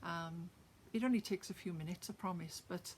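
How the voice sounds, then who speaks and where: Her voice sits on the low side and moves at a moderate pace, with slight background noise. This Welsh poet first chats casually with viewers, using plenty of fillers, before reciting a rhymed poem she wrote herself.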